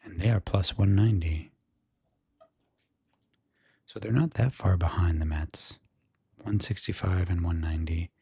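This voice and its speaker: An American man speaks in a hushed ASMR style, his voice very low and full of vocal fry. He talks through sports commentary casually and musingly, with a soft, husky texture. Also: a little slow, long pauses, dry recording. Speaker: host giving a baseball season preview.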